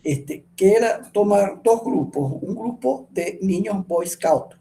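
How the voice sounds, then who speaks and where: A man's voice: high voice, animated, slow, creaky, dark tone. A middle-aged man lecturing an online speech therapy class, explaining patiently and often checking with the students. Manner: explanatory, asks the class frequent checking questions.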